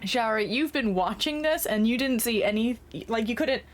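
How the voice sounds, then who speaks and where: A woman's voice: fairly high pitch, normal speed. A woman running a tabletop game as game master, narrating scenes and explaining rules casually.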